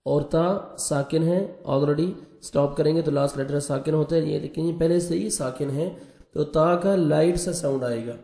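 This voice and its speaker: A man teaching Quranic recitation, patiently explaining pronunciation rules and chanting verses slowly. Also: fairly high pitch, creaky, warm tone, reverberant. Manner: patient, repeats letters and rules, slow drawn-out recitation.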